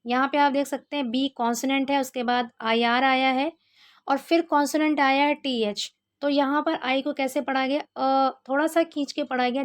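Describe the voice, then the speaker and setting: A woman giving a pronunciation lesson, reading example words slowly and repeating each point as a question. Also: high-pitched. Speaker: English teacher.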